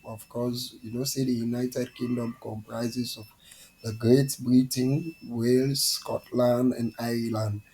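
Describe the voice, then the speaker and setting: A man's voice: medium pitch, level tone, unhurried, mellow, slight background noise, poor audio. Sierra Leonean man teaching in Krio-style pidgin. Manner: speaks West African pidgin English, Krio-style. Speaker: teacher and presenter of an online class. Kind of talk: informal economics lesson.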